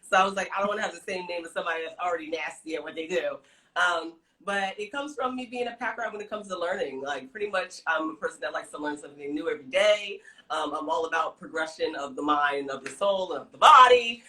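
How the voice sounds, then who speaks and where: American woman guest, casual and slangy, sharp bright voice, lisped whistling s. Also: fairly low pitch, fairly quick, echoey room, rough recording. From New Jersey, United States. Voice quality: lisping, whistling s from new braces. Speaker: guest, dancer and choreographer. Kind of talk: casual live chat.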